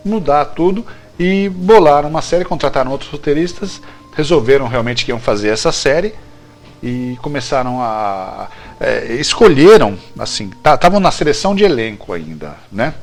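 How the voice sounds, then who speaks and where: A Brazilian guest writer tells the behind-the-scenes history of a TV series in a casual interview, his storytelling animated, often repeating phrases and checking in with the listener. His voice is on the high side, with lively intonation and a moderate pace.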